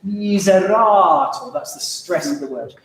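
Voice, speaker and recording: Male choir director, light high voice, brisk and wry, heard from far off in an echoey hall. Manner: brisk, wry and encouraging, sings phrases to demonstrate. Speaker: choir conductor. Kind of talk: choir rehearsal instruction. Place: large echoey rehearsal hall. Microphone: distant room microphone.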